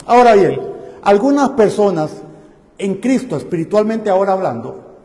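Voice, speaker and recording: A man's voice: sits high, very animated, normal speed, a little mellow. A man preaching a sermon, putting rhetorical questions to his congregation. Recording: echoey hall.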